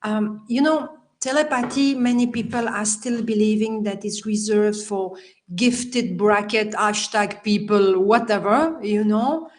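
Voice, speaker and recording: A native French speaker from Belgium, with a Belgian French accent, appears by video call as a podcast guest; she works as a healer and life coach. Her voice is medium-pitched, a little slow, and darkish in tone, and she laughs often while phrasing things in a non-native way during the casual interview.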